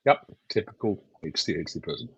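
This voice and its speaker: Icelandic man, 50s, panelist, very deep husky voice, dry muffled call audio. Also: big pitch swings, fairly quick, a bit bright, dry recording. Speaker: panelist, association chairman. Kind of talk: online panel introduction. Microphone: video call.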